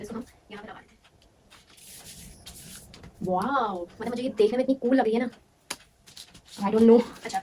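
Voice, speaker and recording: A woman's voice: fairly high pitch, mellow, a little hiss or hum. A young woman thinking aloud as she works, often correcting herself in a casual vlog. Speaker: vlogger. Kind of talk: casual narration while decorating.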